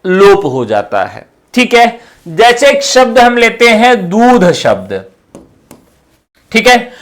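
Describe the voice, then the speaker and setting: High-voiced, slow-paced male teacher. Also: a bit bright. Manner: asks questions then answers them himself; repeats key terms slowly for emphasis. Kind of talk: online exam-prep lesson.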